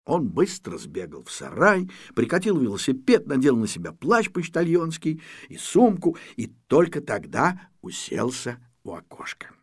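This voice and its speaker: A man narrating a children's storybook in an unhurried, expressive reading. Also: medium pitch, breathy edge, dry recording, studio quality. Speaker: audiobook narrator. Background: faint guitar music.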